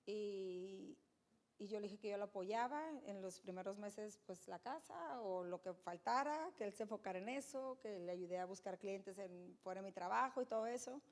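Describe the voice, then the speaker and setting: A middle-aged woman, giving an animated, emphatic faith testimony as a guest speaker and turning often to her audience. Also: mid-range voice, normal speed.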